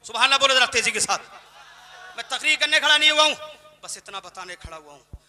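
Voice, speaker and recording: A man preaching an impassioned sermon from an outdoor stage, swinging between shouted declarations and low, quick asides. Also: expressive. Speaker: Islamic preacher. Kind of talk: fiery sermon. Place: outdoor stage at a religious gathering. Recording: echoey open-air PA sound.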